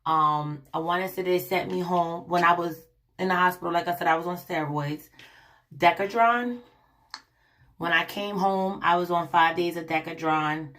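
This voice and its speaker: A woman's voice: on the low side, fairly even intonation, moderate pace, fairly bright tone. Rambling young woman vlogger, y'all. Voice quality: lingering cough, raspy like a smoker. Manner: rambling, many ums and restarts, addresses viewers as y'all. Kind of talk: casual personal story to camera.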